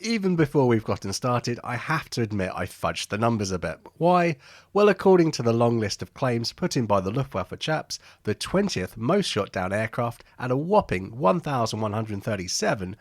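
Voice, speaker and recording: A man's voice: medium pitch, big pitch swings, normal speed, dry recording, studio quality. A man narrating an aviation history video as a scripted voice-over, with wry, jokey asides between the statistics.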